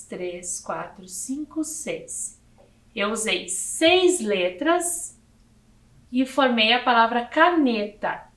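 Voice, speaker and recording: A woman from Brazil teaching young children in a video lesson, slowly counting letters and syllables aloud. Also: fairly high pitch, fairly bright tone, echoey room.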